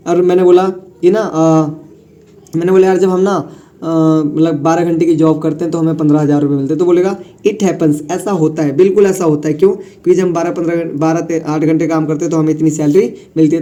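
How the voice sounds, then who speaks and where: A high, mellow-toned young man explains English phrases in an easy classroom manner. He repeats each phrase and keeps checking in with his learners as he goes. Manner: repeats phrases and says "thik hai" often. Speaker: English teacher.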